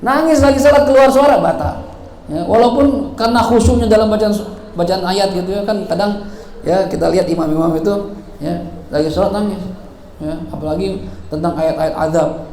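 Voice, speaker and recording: Male religious teacher, high voice, playful sermon style, recorded in an echoey prayer hall with faint room noise. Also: a little fast, a little mellow. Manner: playful, acts out examples, laughs often.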